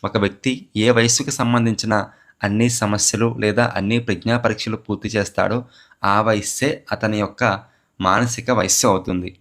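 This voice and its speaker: A man leads an exam-question walkthrough in psychology for a teacher exam, asking a question and answering it himself while repeating key terms to hammer them in. His voice is on the low side and a bit bright, with fairly even intonation at normal speed.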